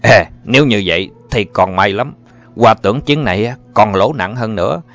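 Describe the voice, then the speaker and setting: A man's voice: fairly low pitch, moderate pace, fairly bright tone. A man voicing a boastful, swaggering grown man in an audiobook, talking in a jovial Southern Vietnamese accent. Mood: bossy. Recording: muffled with faint music.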